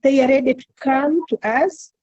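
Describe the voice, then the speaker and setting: A woman giving a halting update in an online meeting, her audio choppy and breaking up over a weak video-call stream. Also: high voice, steady tone, darkish tone, no room sound, lo-fi sound. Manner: slow and halting with frequent restarts. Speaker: award-winning group representative.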